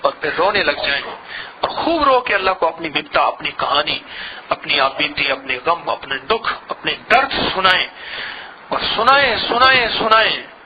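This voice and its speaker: A man's voice: fairly high pitch, animated, highs cut off, noisy background. A man giving an emotional devotional sermon as a spiritual lecturer, pleading and repeating phrases as his intensity swells.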